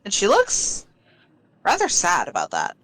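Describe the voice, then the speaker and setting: A woman's voice: mid-range voice, wildly swooping pitch, measured pace, fairly bright tone, low-quality recording. A woman narrating her character's actions in a tabletop game, amused and giggling often. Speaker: player.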